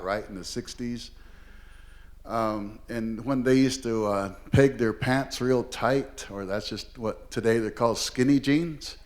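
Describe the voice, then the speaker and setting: Older man telling a rambling, funny story. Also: medium pitch. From Oregon. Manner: rambling and humorous, heavy with fillers. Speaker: language teacher and storyteller. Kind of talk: live storytelling on stage. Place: performing arts hall, live event.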